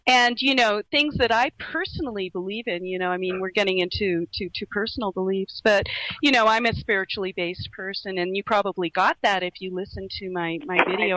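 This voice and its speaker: A middle-aged woman who grew up in Laos, a radio guest speaking earnestly and reflectively, with many pauses and restarts. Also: medium pitch, a bit bright, no room sound, poor audio. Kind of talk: earnest conversation.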